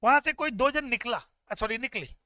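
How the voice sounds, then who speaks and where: A male tax teacher giving an energetic, joking classroom lecture, talking straight to his students. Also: extremely high pitch, normal speed, no echo.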